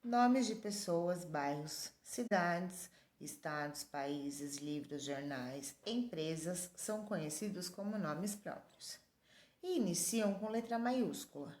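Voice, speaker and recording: Woman teacher, slow and deliberate, spelling out letters, listing words one at a time, echoey room. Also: lowish voice, lively intonation, darkish tone. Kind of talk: reading a workbook lesson to pupils.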